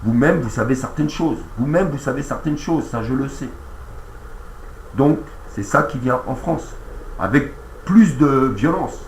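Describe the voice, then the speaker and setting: A man's voice: medium pitch, animated, measured pace, a little hiss or hum. A man in a casual monologue, earnest and repetitive, speaking directly to the president while reacting to a radio clip. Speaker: online commentator. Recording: roomy echo.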